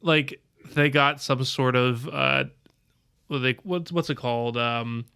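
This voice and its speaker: A man's voice: medium pitch, steady tone, slow pace, gravelly, pushed and bright, smooth. A man in a casual podcast chat, rambling and searching for words. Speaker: podcast co-host.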